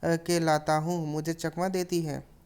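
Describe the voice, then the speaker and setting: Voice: mid-range voice, flat delivery, unhurried, darkish tone, clear, resonant tone, lightly acted. A teacher voicing a wicked grown man who snatches children, reading his lines from a story. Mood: angry.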